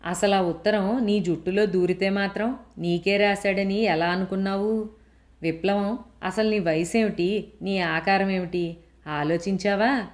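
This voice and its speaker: A woman's voice: medium pitch, steady tone, a little slow, close to an everyday voice. Woman voicing a bold older housewife, storybook reading, blunt, teasing, scolding.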